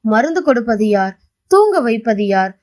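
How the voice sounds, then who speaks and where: A woman voicing a wise young male judge who questions gently and probingly. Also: fairly high pitch, big pitch swings, moderate pace.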